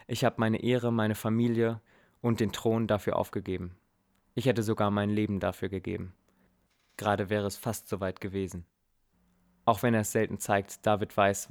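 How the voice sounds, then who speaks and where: A man narrating a dramatic story in the first person, earnest and reflective, with blunt casual swearing. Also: fairly low pitch.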